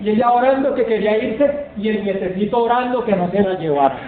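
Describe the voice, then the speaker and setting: A man's voice: high-pitched, brisk. A man preaching a sermon, telling stories with emphasis and reading scripture aloud. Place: church hall. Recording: tinny phone-like sound, echoey hall, faint noise.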